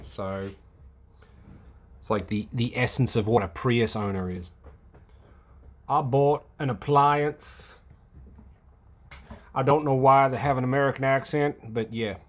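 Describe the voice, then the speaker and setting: Slow and prone to frequent pauses, this mid-range male voice belongs to a livestream host responding to his chat. He reads comments aloud and replies casually, rambling, restarting, and leaning on "um" while he works out what to say.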